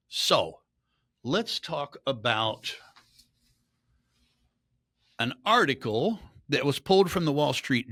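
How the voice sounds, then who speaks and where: Sarcastic, animated male market commentator. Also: on the high side, no echo, clean studio sound. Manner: sarcastic, emphatic, rising to indignant outbursts. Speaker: podcast host.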